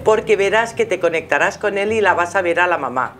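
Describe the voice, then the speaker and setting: A middle-aged spiritual guide with an accent from Spain affectionately advises a caller on her live call-in show, using endearments. She speaks a little fast in a fairly low, animated, slightly bright voice, with music behind her in a small curtained TV studio.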